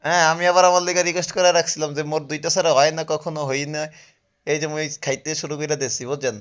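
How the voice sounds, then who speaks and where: Brief: male vlogger with a Barishal dialect, quick and chatty, jokey aside-heavy delivery, somewhat high voice, dull lo-fi recording. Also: flat delivery. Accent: Barishal dialect of Bengali. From Barishal, Bangladesh. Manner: joking, chatty, often asks listeners if they understand. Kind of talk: casual travel vlog narration. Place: outdoor resort with swimming pool.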